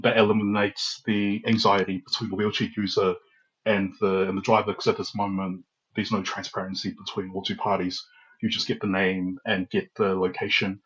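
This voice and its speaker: On a podcast, a young man from New Zealand spins casual stories for the interview, performing the quotes himself with lively energy. His voice sits on the low side with a breathy edge, and the audio is dull.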